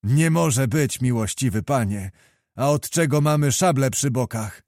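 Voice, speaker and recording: A man's voice: medium pitch, expressive, measured pace, a little mellow, no echo, studio quality. A man voicing a boastful noble confederate, in a read-aloud historical novel. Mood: bold. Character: bold, swaggering male noble confederate.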